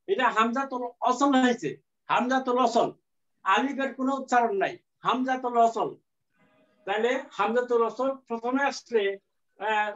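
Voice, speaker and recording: Slow-talking male teacher, lo-fi sound. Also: very high voice, fairly bright tone. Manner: slow, repetitive explaining with many fillers; mixes English terms into his teaching. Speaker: Arabic teacher. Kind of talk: classroom lecture. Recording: dull lo-fi sound.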